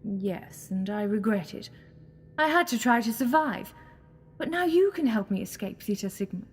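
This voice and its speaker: A woman's voice: fairly high pitch, expressive, normal speed, husky. A woman acting in an audio drama as a sly, mocking alien villainess posing as a goddess, theatrical and taunting. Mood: pragmatic. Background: music.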